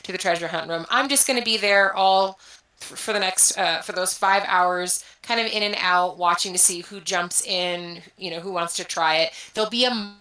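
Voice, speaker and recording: A woman's voice: on the low side, moderate pace, sharp tone, reverberant, poor audio. A woman chatting casually in an online group call, upbeat and giggly, running through event announcements. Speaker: community event organizer.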